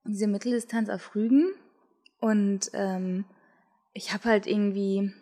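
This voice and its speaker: A young German-speaking woman in casual conversation, telling a race story in a relaxed way with frequent fillers. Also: mid-range voice, measured pace. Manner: relaxed, thinking aloud with fillers. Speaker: podcast co-host, triathlete.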